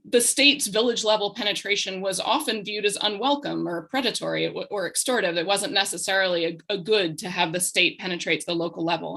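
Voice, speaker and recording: A woman's voice: medium pitch, pushed and bright. A woman panelist at a policy roundtable, speaking analytically with frequent hesitations.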